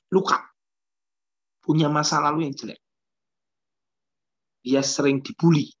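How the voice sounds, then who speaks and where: A husky, slightly high-voiced man delivers a sermon. He keeps firing rhetorical questions and answering them himself, and the recording sounds dull and lo-fi. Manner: preaching with rhetorical questions and sudden rises. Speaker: pastor.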